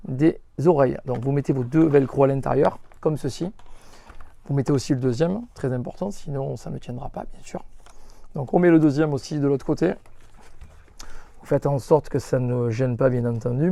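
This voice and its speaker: A slightly high, warm voice leads this off-the-cuff product demonstration from a motorcycle accessory shop presenter. He teaches with emphasis and keeps returning to the points that matter most. There's no room sound in the recording.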